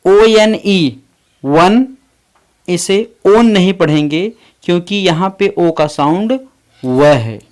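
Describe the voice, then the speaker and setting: A man teaching English pronunciation, spelling out words letter by letter in a slow, deliberate way. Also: high-pitched, a little mellow. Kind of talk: explaining English pronunciation in Hindi.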